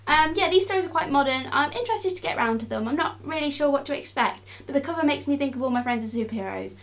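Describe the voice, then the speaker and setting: A woman's voice: high voice, lively intonation, fast. A young woman in casual chat as a book vlogger, giggly and saying "like" a lot. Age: young adult. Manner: chatty, giggly, says "like" a lot.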